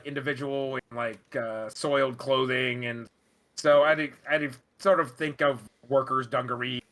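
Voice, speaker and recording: A man improvising narration as game master, halting as he searches for words. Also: mid-range voice, sharp tone.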